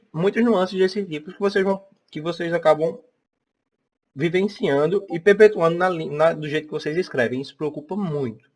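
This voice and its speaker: A man's voice: a little high, darkish tone. A young man with a Northeastern Brazilian accent teaching an online class. He keeps checking in with "tá?" and "né?" as he talks. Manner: chatty, checks in often with "tá?" and "né?".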